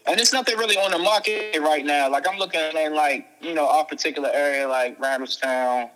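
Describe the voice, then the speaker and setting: A man's voice: fairly high pitch, a little fast, fairly bright tone, rough recording. A man, a podcast guest talking in an easygoing, reflective, slangy way. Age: 30s. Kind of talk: casual podcast chat.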